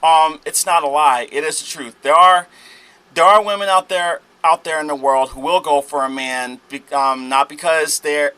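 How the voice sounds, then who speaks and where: A man hosting a reaction video, commenting in a measured, lecturing way with frequent hesitations and fillers. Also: a little high, fairly even intonation, sharp tone, clean tone, dry recording, rough recording. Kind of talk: commentary on a played clip.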